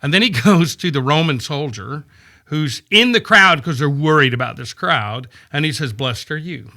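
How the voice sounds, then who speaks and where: Bright, forceful man teaching conversationally. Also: fairly high pitch, normal speed. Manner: animated storytelling, acts out quoted voices, frequent "right?" checks. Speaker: podcast guest discussing scripture. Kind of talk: casual conversational Bible teaching.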